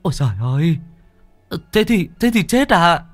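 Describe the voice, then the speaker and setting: A man voicing a cheeky, excitable young grandson who cheers and curses shrilly in a ghost story. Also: sits high, a little fast, faint music behind, pitched above the performer's own voice. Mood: frantic cheering.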